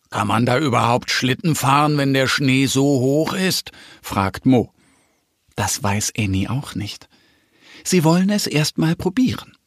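A man narrating a children's audio story in a gentle, expressive storytelling manner. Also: medium pitch, husky, no room sound, clean studio sound.

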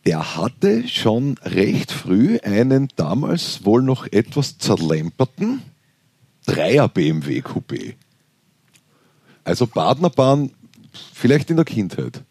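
A man's voice: lowish voice, husky, dry recording. A man from Styria with an Austrian accent, hosting a casual sports podcast with joking asides. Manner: joking, quick asides, animated. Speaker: podcast host.

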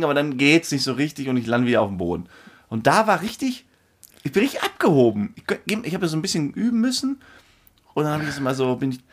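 A man co-hosting a podcast, chatting casually and telling his stories with excitement. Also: a little high. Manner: excitable storytelling, laughs often. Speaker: podcast co-host. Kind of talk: casual chat.

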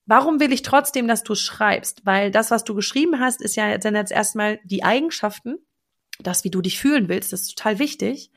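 A woman's voice: mid-range voice, normal speed. A woman hosting a podcast, coaching the listener directly in a casual, enthusiastic, slang-filled way. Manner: enthusiastic and slangy, with lots of exclamations. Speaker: podcast host and manifestation coach.

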